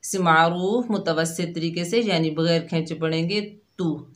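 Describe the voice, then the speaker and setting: A woman teaching Quran recitation rules step by step, explaining each letter and then sounding out the syllables slowly. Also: on the low side, steady tone. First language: Urdu. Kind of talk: slow step-by-step tajweed lesson.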